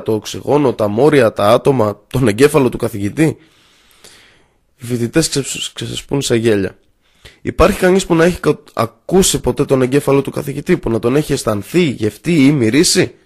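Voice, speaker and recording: Male narrator, gravelly voice, measured earnest delivery of a scripted story. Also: medium pitch, darkish tone.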